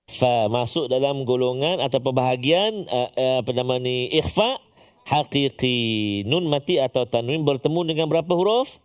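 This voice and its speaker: A man's voice: mid-range voice, expressive, normal speed, clear, resonant tone. A man with a Malaysian Malay accent teaching tajwid, who drills letters aloud and praises often. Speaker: Quran recitation teacher. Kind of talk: tajwid lesson with recitation drills.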